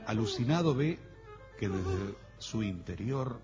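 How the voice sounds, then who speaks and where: Un hombre que narra una historia de forma dramática, como narrador de un guion. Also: male voice, on the low side, animated, takes it slowly, over music. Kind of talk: dramatic scripted narration. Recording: echoey, long reverb, muffled lo-fi.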